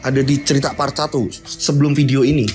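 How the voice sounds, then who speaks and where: A man's voice: medium pitch, flat delivery, a little fast, darkish tone, faint music behind. Casual male horror storyteller. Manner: conversational, repetitive.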